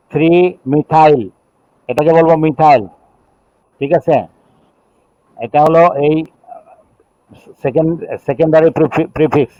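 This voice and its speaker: A middle-aged man from Bangladesh with a Bangladeshi accent gives a classroom chemistry lecture. He reads rules slowly in English, then explains them in Bengali and counts chain carbons aloud. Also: on the high side, a little mellow, dry recording. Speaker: chemistry teacher. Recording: dull, dry lo-fi recording.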